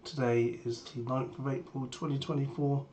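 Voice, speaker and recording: Male trader for live market commentary, voice strained by a sore throat, mid-pitched and level, brief and matter-of-fact, faint noise and typing behind. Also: moderate pace. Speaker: trader sharing a premarket plan. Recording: steady background noise, keyboard typing.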